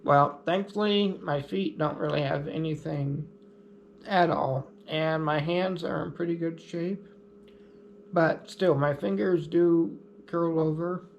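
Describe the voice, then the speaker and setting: Slow-talking man with a gravelly voice. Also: fairly high pitch, fairly even intonation, slight background noise. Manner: easygoing, plainspoken, lightly humorous. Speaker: vlogger. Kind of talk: casual explanatory vlog talk.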